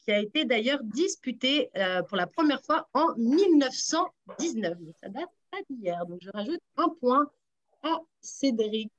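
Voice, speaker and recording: Upbeat radio quiz host, a woman with a fairly high voice who teases her players. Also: very animated, a little slow, highs cut off. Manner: teasing, encouraging contestants. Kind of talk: lively radio quiz hosting.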